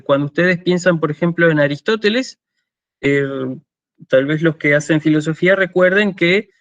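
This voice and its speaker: A man with an Argentine Spanish accent giving an online university lecture, patient and deliberate, often checking in and pausing on fillers. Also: a little high, fairly bright tone, no room sound, highs cut off. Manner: slow and deliberate with many fillers.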